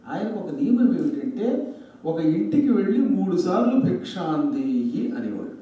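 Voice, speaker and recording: A man giving a religious storytelling sermon into a microphone, lively and full of humorous asides. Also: sits high, normal speed, dull audio. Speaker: religious discourse speaker. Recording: very echoey hall, distant mic.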